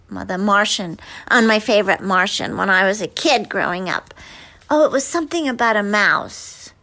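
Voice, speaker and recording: A woman's voice: medium pitch, fairly bright tone. A woman being interviewed as an actress guest, telling stories in a rambling way with many fillers and restarts. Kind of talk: interview answers, storytelling.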